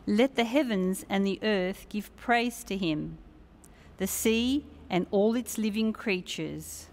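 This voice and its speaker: A woman reads scripture at Mass, careful and measured. She speaks very slowly. Her voice rings with a long cathedral echo. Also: medium pitch. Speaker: lector. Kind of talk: liturgical scripture reading. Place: large church. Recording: long church reverb.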